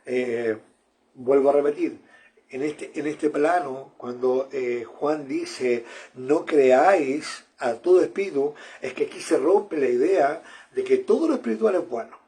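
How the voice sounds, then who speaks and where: A man's voice: medium pitch, a little slow, mellow. A man, preaching a sermon in an earnest manner, often repeating phrases and calling his listeners brother.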